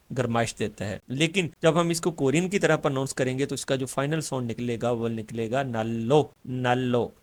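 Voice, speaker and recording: A man from Pakistan with a Pakistani Urdu accent, teaching an online language lesson patiently and slowing down to repeat each example word. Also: medium pitch.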